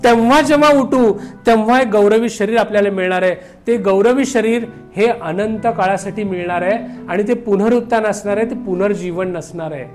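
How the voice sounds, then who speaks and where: A man preaching a sermon as pastor, with rising shouts and some English phrases mixed in. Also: high voice, normal speed, few pauses, faint music behind.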